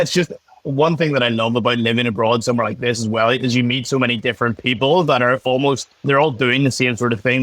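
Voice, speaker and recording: A man's voice: medium pitch, a bit bright, no echo. A young man in his twenties from Northern Ireland with a Belfast accent, chatting casually as a podcast guest in a laid-back way over a video call. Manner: laid-back, chatty, many fillers and restarts. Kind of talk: casual interview chat.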